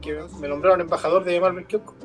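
High-voiced man telling crude stories. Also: steady tone, fast talker, soft background music. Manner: crude, slangy anecdote telling. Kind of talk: casual comic storytelling.

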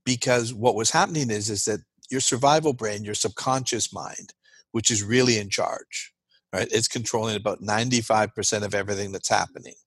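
A man with a slightly husky voice explains things earnestly in an interview, often pausing to ask "right?" to check that the listener is following. The sound is dry and close. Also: on the low side, a bit bright, no echo. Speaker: guest expert.

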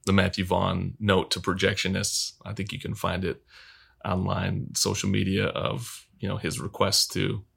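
A man's voice: sits low, completely flat delivery, moderate pace, creaky, fairly bright tone, breathy edge. A man talking casually on a podcast, thoughtful and rambling with many fillers and restarts.

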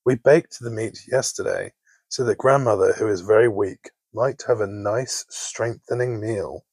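A man's voice: on the low side, unhurried, a little mellow, husky, no echo. A man voicing an innocent little girl in a bedtime storybook reading, light and sweet.

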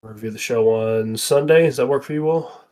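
A man's voice: mid-range voice, normal speed, mellow. A man hosting a casual wrestling podcast, laughing often and steering the chat back on track. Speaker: podcast host.

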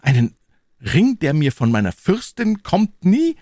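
A man's voice: mid-range voice, very animated, normal speed, no room sound, clean studio sound, pitched above the performer's own voice. A man voicing a young, proud and hot-headed guardsman in an audiobook, with eager, indignant outbursts. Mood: alarmed. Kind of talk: audiobook character voice.

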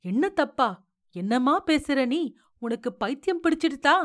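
A woman voicing a stern, orthodox middle-aged son who rebukes his mother curtly and shouts, in a read-aloud story. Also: high-pitched, lively intonation, measured pace. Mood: angry.

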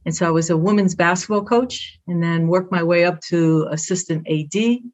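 A middle-aged woman from Brooklyn, New York, speaks with a Brooklyn accent in a voice on the low side, at normal speed and a little mellow. As a guest in a conversational interview, she talks proudly and upbeat in short phrases about her work as an athletic director.

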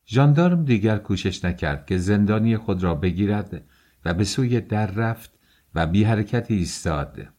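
Deep-voiced man narrating an audiobook. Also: a little mellow. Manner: reads every character himself, voices shift for dialogue. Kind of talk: scripted narration.

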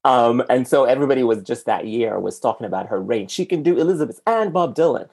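A man from Sudan with a slightly husky voice, hosting a conversational film podcast. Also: medium pitch, animated, fast talker, darkish tone. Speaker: podcast host.

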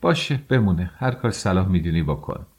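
Man doing young wife, pleading, hesitant, slightly raised pitch, husky, audiobook. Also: sing-song, full character voice. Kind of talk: audiobook character reading.

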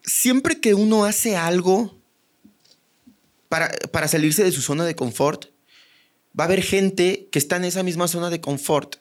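A young Mexican man with a Mexican accent, a comedian guest chatting casually on a podcast, telling animated, slangy stories. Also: high voice, moderate pace, long pauses. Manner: animated storyteller, slangy, acts out voices.

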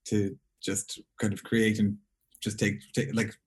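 A man's voice: fairly low pitch, completely flat delivery, a little slow. A young man from Galway with a west of Ireland accent, chatting casually and informally as a songwriter being interviewed. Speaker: singer-songwriter, interview guest.

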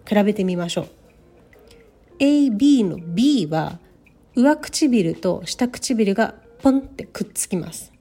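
Woman, English teacher, podcast lesson, mellow tone, soft music behind. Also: fairly high pitch, slightly rough. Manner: models pronunciation slowly, repeating words. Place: lives in Canada.

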